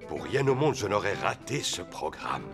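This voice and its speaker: A man's voice: deep voice, very animated, moderate pace. Jolly, swooping cartoon father pig, Papa Pig. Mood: jovial. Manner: jovial, hearty storytelling. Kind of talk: children's cartoon dialogue. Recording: loud music behind the voice.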